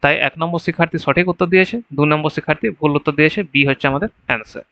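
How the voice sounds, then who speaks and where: Male exam-prep teacher, brisk and bright, slightly high voice, walks through the options point by point. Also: no room sound, muffled recording. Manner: explains answer choices step by step, often asks "right?". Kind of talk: online exam-prep lesson.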